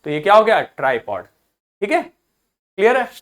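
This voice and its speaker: A man's voice: sits high, big pitch swings, measured pace, a bit bright, a little hiss or hum. A man teaching English vocabulary in a recorded lesson, explaining in Hindi with English terms mixed in, repeating each word and quizzing his listeners. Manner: drills pronunciation by repeating words and quizzing listeners. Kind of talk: classroom-style recorded lesson.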